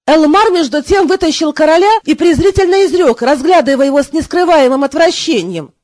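Woman reading a novel aloud, steady, very high voice, dry close sound. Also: a little fast, no echo. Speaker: audiobook reader. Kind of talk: scripted narration.

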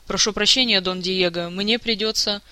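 A man voicing a stern, formal old court wizard who scolds others in measured, reproachful tones. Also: sits high, steady tone, bright, forceful tone, clear, resonant tone, dry recording.

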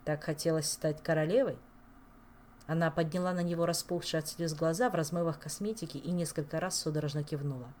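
A woman's voice: sits low, fairly even intonation, fast talker, few pauses, a little mellow, a little hiss or hum. A woman reading an audiobook in a dramatic storytelling manner. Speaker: audiobook reader. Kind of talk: expressive audiobook narration.

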